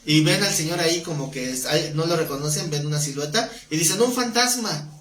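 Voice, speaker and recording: A man with a voice on the high side teaches a live-streamed Bible class, speaking briskly with a fairly bright tone. His style is conversational, and he often puts questions to his listeners. The recording sounds roomy, with faint background noise.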